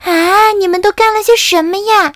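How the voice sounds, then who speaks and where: A woman voicing a brave, excitable little chick who talks high and loud. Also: normal speed, dry recording, clean studio sound. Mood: indignant.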